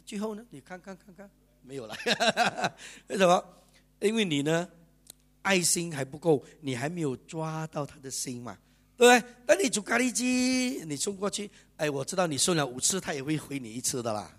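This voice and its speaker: A male pastor, giving a lively, chatty sermon and keeping the congregation engaged with constant rhetorical questions. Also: high voice. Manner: lively, chatty preaching with bursts of laughter. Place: church service.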